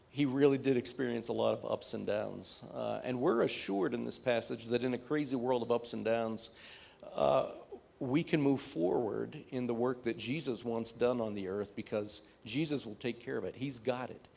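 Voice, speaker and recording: Give me a male pastor giving a livestreamed sermon, heard through livestream audio, reading scripture aloud and often pausing on "uh". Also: medium pitch, gravelly, darkish tone. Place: church sanctuary.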